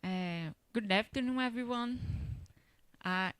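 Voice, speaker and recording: A woman with a Brazilian accent gives a panel presentation at a slow, halting pace. Her voice is clean and smooth, closely recorded and dry. A native Portuguese speaker, she speaks portuñol, blending Spanish with Portuguese as she searches for words. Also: fairly high pitch, fairly bright tone, no echo.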